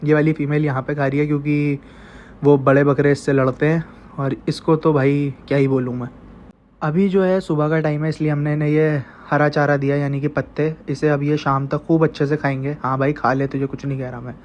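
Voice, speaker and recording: A man who raises goats and chickens at home narrates a casual vlog while feeding them, coaxing the animals directly. His voice is on the high side, stuffy and congested, brisk with little pitch movement and a darkish tone; the audio lacks highs and has slight hiss or hum.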